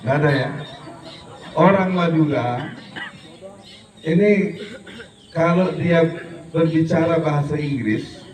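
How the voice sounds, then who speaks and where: In an echoey school hall, with crowd noise around him and his voice coming from a distance, a middle-aged man gives a funny religious talk. His pitch is fairly high and he speaks slowly, leaving long pauses. He cracks jokes, slips into regional dialects for quoted lines, and motivates students to keep growing.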